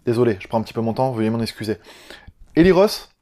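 A man with a southern French accent chats loosely to his viewers at a mid-range pitch. He is sarcastic and easily sidetracked, jumping between jokes and asides. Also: lively intonation, fast, dark tone. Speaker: film YouTuber. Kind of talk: casual video chat.

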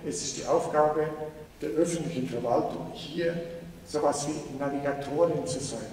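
A man's voice: on the high side, fairly even intonation, moderate pace, a little mellow. Male keynote speaker, earnest and persuasive, long-reverb hall with faint background noise. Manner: earnest, persuasive, with rhetorical questions to the audience. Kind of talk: conference keynote talk. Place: large conference hall. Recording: echoey hall, voice from far off.

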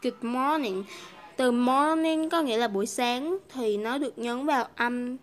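A Vietnamese woman who is an English teacher and video host leads a casual English lesson in a slightly high voice at a measured pace. She is chatty and repeats phrases for learners, with faint music playing behind her.

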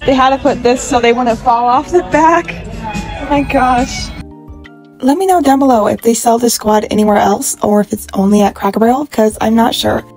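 A young woman in her twenties chats excitedly into her phone camera as she browses store shelves. Her voice sits a little high and she gushes freely. Faint store music plays in the background. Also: moderate pace. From California. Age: 20s. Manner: gushing, excitable, chatty. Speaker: vlogger. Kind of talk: casual shopping vlog narration.

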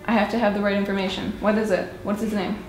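A woman's voice: medium pitch, little pitch movement, fast, darkish tone, close to an everyday voice. An actress playing a female journalist who teases a coworker with pushy, needling questions. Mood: teasing. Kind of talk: student short-film acting. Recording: echoey room with noise.

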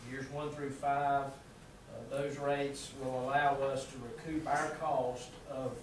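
A Southern American man, a city utility official, pitches a proposal to the town council in a halting way, full of fillers and restarts. His voice is mid-range with little pitch movement. A far-off room camera mic catches him in an echoey room with background noise.

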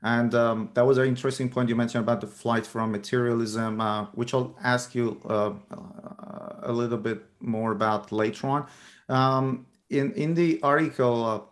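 A male interviewer asks long questions in a hesitant, halting way. He pauses and restarts often while he builds toward the point. His pitch is ordinary and middle. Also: steady tone. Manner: hesitant, many fillers and restarts.

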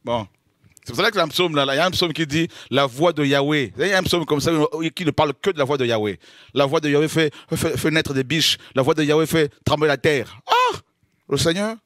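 A man preaching a lively sermon, exclaiming, making dramatic sound effects and laughing between points. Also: on the high side, no echo, clean studio sound. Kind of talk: animated sermon.

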